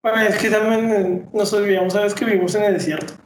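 A man's voice: high voice, fairly even intonation. A young man tells stories in heavy slang with a joking drawl. His voice rings around an echoey room over a faint hiss. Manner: slangy, joking, drawn-out storytelling. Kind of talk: casual chat.

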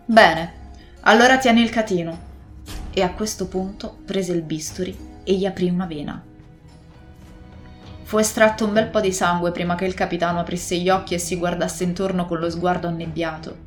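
A woman narrating a classic adventure novel as scripted narration, telling the story in a steady, expressive way. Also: fairly low pitch, fairly quick, soft background music. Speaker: audiobook narrator.

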